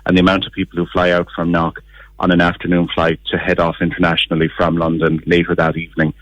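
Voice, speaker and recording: Low, even-toned man. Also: fast talker, no echo, dull audio. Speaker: business chamber chief executive, interview guest. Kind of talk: radio interview, advocating.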